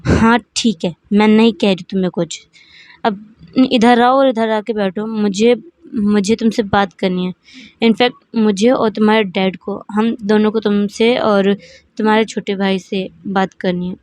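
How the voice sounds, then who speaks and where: A woman's voice: medium pitch, fairly even intonation, a little mellow, no room sound, close to an everyday voice. A woman voicing a strict mother who nags and scolds her grown son with sarcasm. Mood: scolding. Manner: nagging, sarcastic, quick-tempered.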